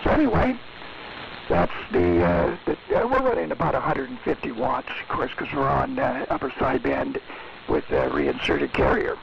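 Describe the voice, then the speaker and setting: An older man checking into a ham radio net, his voice coming through a slightly mistuned sideband radio signal, talking about his gear in a halting way full of fillers. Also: medium pitch, huge pitch swings, vocal fry. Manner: halting, filler-heavy technical talk. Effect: slightly mistuned single-sideband ham radio signal. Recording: noisy, lo-fi shortwave radio reception.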